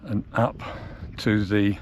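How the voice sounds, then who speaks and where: A man, a motorcycle vlogger, talking casually to camera outdoors on a high mountain trail, thinking aloud in a chatty, plain-spoken way. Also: fairly even intonation, slow, a little mellow. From England. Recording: noisy outdoor recording.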